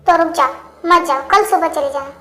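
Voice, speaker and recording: A woman voicing a calm young man who speaks in short, offhand lines. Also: high-pitched, a little fast.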